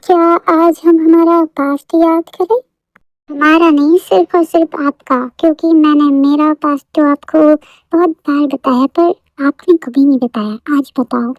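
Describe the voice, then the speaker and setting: A woman's voice: sits high, steady tone, measured pace, darkish tone, no echo. A woman voicing a bossy, sulky young wife who scolds and teases her husband in a fan audio story. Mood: scolding. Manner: scolding, pouty, dramatic. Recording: dull lo-fi dry recording.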